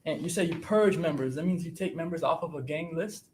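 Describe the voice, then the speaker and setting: Fast-talking attorney in an echoey courtroom recording. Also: male voice. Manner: quick, halting questions with restarts. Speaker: defense attorney. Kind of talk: courtroom witness questioning. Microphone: courtroom podium microphone. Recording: echoey courtroom, faint rumble.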